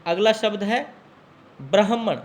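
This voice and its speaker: A man teaching a spelling lesson to exam students, saying each word slowly and repeating it with care. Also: sits high, slight background noise. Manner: slow, deliberate, spells words out and repeats them.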